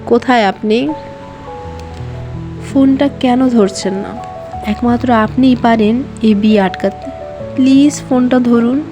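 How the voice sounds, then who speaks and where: A woman's voice: a little high, measured pace, pauses often, over music, close to an everyday voice. A woman voicing a heartbroken young woman who pleads in a trembling, tearful voice in an audio story. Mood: pleading.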